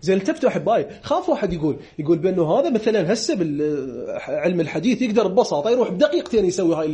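Brisk, high-voiced Iraqi man teaching. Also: sing-song, mellow. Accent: Iraqi Arabic. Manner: explains, repeats definitions slowly, jokes with students. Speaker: religious law teacher. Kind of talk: seminary lecture.

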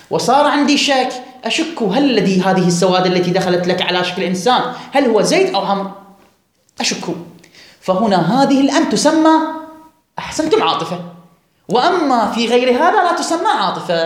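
A woman teacher gives a grammar lesson. She reads a text slowly, then explains it and quizzes her students. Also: fairly high pitch. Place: classroom. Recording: very echoey classroom.

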